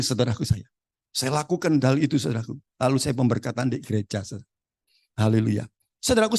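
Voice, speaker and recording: A man's voice: fairly high pitch, gravelly, no room sound, clean studio sound. A man with a Surabaya Javanese accent giving a testimony sermon, repeating "brothers" after nearly every phrase and acting out the conversations he tells. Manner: repeats "saudaraku" constantly, acts out dialogue in Javanese.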